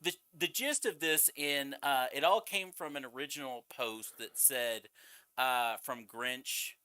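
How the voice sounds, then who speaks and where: A man's voice: medium pitch, measured pace, sharp tone, clear, resonant tone, no echo. A man co-hosting a podcast, giving emphatic, jokey commentary in casual chat. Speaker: podcast co-host.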